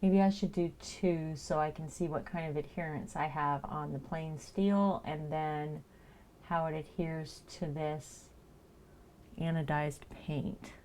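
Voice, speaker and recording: Chatty woman streamer, lowish voice. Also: steady tone, slow, darkish tone, slight background noise. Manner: chatty, thinks aloud while working. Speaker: live streamer. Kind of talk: casual live-stream chat while crafting.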